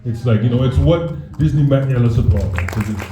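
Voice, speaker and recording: A man interviewing a guest on an expo stage, lively and supportive, with brief reactions. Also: mid-range voice, brisk. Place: expo stage before a crowd. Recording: echoey hall with crowd noise.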